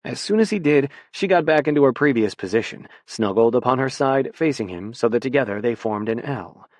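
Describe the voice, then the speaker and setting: A man's voice: mid-range voice, animated, fairly quick, no echo. Man narrating an audiobook, dry sound. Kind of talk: scripted narration.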